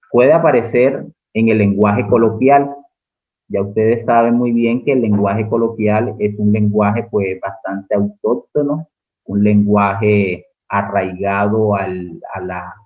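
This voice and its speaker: A Colombian man teaching an exam-prep lesson in a slow, unhurried way, pausing often to ask his students questions. His voice sits fairly low. The sound is thin and narrow, as if it came through a phone. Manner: explanatory, asks class rhetorical questions.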